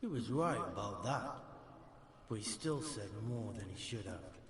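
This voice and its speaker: Mocking game outlaw boss, cutting and wary, booming hall echo. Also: male voice, lively intonation, slow, slight background noise. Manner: cutting, scornful questioning. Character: suspicious adult male outlaw leader, mocking and testing. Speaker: game character. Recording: game audio in an echoey hall.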